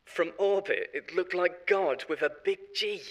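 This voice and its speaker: The speaker is an actor performing a monologue for audio drama as a smug, boastful corporate insider, a former consultant who chats on and chuckles at his own jokes. His voice is high and unhurried.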